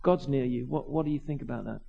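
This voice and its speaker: A man, a vicar, preaching by telling a lively personal story, acting out the voices of the people in it and often restarting his words. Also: medium pitch, gravelly, phone-quality sound. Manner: animated, acts out voices, quick restarts. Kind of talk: storytelling sermon.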